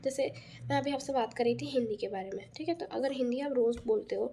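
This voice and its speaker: A woman's voice: fairly high pitch, fast talker, warm tone. A young Indian woman teaching a casual lecture, often checking in with "okay" and correcting herself as she goes. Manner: explains with repeated checks and self-corrections. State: has a cough. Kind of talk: casual exam-prep lecture mixing Hindi and English.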